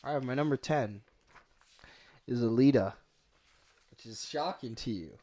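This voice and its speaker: A man co-hosting a movie podcast, talking loosely and haltingly with lots of fillers. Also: medium pitch, dark tone. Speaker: podcast co-host. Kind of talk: casual movie review chat.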